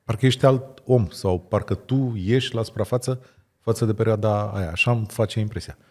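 A middle-aged man from Romania hosting a podcast, chatting casually and thinking aloud as he talks. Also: fairly low pitch. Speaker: podcast host. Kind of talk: casual chat.

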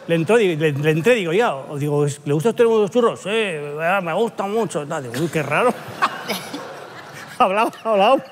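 A man on a comedy panel show, telling a rambling, exaggerated story with lots of swearing and laughing. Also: sits high. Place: TV studio with live audience.

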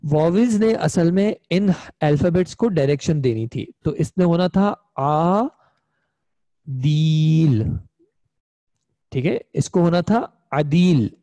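Young guy teaching arabic grammar online, patient, mellow voice, dry close sound. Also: high-pitched, animated, normal speed, no echo. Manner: patient, explains step by step, often asks "ठीक है?". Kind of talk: online classroom lesson.

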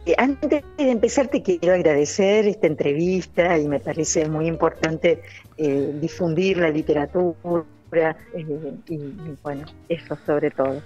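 This middle-aged woman, a novelist from Santa Fe, Argentina, is interviewed remotely and answers earnestly with many hesitant fillers. Her voice is deep and warm, her pace measured, with faint music behind her and dull, lo-fi audio.

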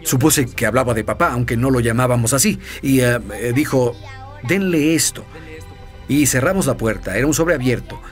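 A man, a guest minister, telling his personal testimony in a TV interview, lively, with chuckles and fillers. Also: medium pitch, moderate pace, faint music behind.

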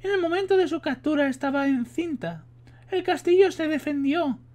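A man from Spain reading aloud and putting on a high falsetto for a sorceress woman who tells history, stumbling now and then over the words. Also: lively intonation, normal speed, darkish tone. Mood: storytelling. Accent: Spain Spanish. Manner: reads with stumbles and restarts. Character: poised adult sorceress woman telling history.

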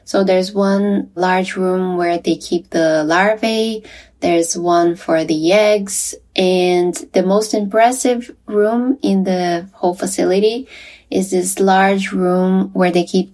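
Woman reporter chatting slowly on a podcast, relaxed, laughs a bit, restarts words sometimes. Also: on the low side. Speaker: science journalist reporting from a visit. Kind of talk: conversational podcast interview.

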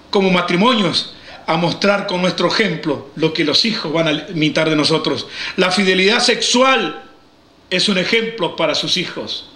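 A man's voice: high voice, a bit bright, reverberant. A male preacher giving an emphatic sermon, acting out the voices of the people he quotes.

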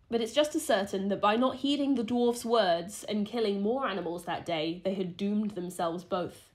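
A woman co-hosting a podcast, reading a folklore story with playful asides. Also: medium pitch. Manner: lively, playful, giggly asides. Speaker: podcast co-host.

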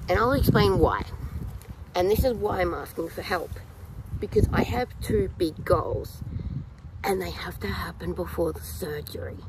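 A woman in her thirties with an Australian accent, chatting to her phone camera outdoors in a rambling, animated way. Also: lowish voice, normal speed, very noisy. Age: 30s. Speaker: vlogger. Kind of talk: casual talk to camera. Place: outdoors in a yard, in shade. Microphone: phone camera held low at arm's length.

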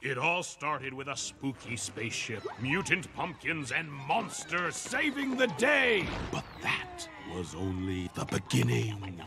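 Slow theatrical mock-villain cartoon blob monster. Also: male voice, medium pitch, sing-song, vocal fry, exaggerated voice. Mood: mock menace. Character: goofy dim-witted blob monster playing spooky storyteller. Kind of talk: cartoon narration in character.

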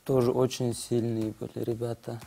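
A man's voice: medium pitch, level tone, moderate pace, gravelly, dark tone. A nineteen-year-old man, a fighter guest on a TV show, answering tersely and laconically in a studio on a lapel mic. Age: teens. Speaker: guest, mixed martial arts fighter. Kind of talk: TV studio interview. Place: bright TV studio set.

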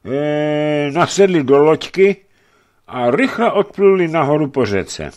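A man's voice: on the high side, lively intonation, a little mellow, pitched above the performer's own voice, natural voice. A man voicing a simple, timid male servant who halts and stammers with "eh" between words. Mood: hesitant. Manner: halting, full of "eh" fillers.

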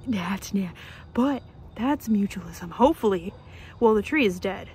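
A woman's voice: medium pitch, animated, unhurried, a little mellow, a little hiss or hum, rough recording. A young woman vlogging while she gardens outdoors, rambling and joking at the camera. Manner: rambling, jokey and self-mocking, talking to the camera while gardening. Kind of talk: casual chat.

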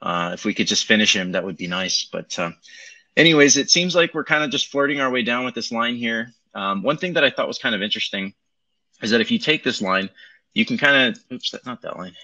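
On a livestream, a man walks through crypto charts in a loose, rambling way full of ums, his animated mid-range voice sharp-toned and fairly quick. He's a crypto market commentator, and his Bluetooth headset mic gives him a tinny sound.

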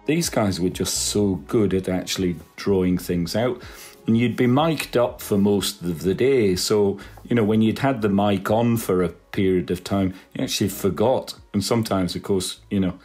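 Man, very deep voice, husky, reflective and appreciative. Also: moderate pace, darkish tone, soft background music. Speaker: former player guest. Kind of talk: reflective interview answer.

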